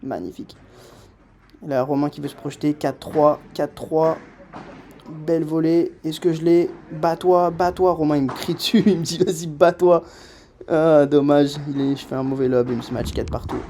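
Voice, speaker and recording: A young man doing a voice-over commentary on his own padel match, self-mocking and excitable, swinging from muttering to shouting. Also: on the high side, moderate pace, slight background noise.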